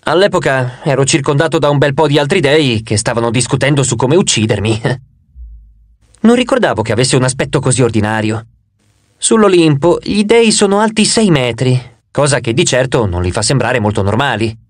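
Expressive man narrating an audiobook. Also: medium pitch, fairly quick, no room sound, clean studio sound. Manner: expressive, vivid storytelling. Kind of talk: scripted narration.

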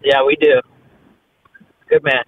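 A man's voice: mid-range voice, level tone, takes it slowly, dry recording. A man taking a call on his car speakerphone while driving, answering in short, puzzled and wary replies. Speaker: business owner taking a call. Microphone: phone on speaker. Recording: muffled speakerphone line from a moving car.

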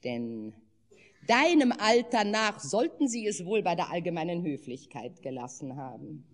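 A wise old lamp-bearer from a fairy tale, read by a woman. He answers calmly in a lowered, unhurried voice. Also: long reverb tail. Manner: calm, quiet and slow. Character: calm, wise old man with a magic lamp. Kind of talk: dramatic reading of a fairy tale.

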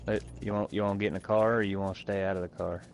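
A man's voice: sits low, little pitch movement, racing, a little hiss or hum. Crude laid-back young gamer man. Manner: crude joking, laid-back, swears a lot. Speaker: gamer in party chat. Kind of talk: casual gaming chat.

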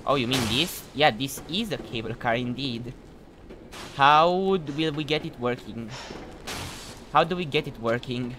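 A chatty young man with a mid-range voice narrates his gameplay at a moderate pace over a noisy mic. In this let's play commentary, he pokes fun at himself and reads the in-game notes aloud.

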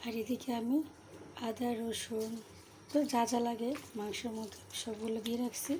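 A woman talking softly while she cooks at home, narrating each step for her viewers. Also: a little high, level tone, normal speed. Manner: speaks softly so a sleeping child stays asleep. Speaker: cooking vlogger. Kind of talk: casual cooking narration. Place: home kitchen. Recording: noisy kitchen ambience.

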